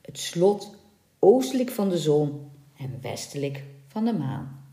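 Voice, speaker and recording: Lively woman telling a folk tale. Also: deep voice, takes it slowly, echoey room. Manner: lively, playful storytelling with small slips. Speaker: storyteller and podcast host. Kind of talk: reading a folk tale aloud.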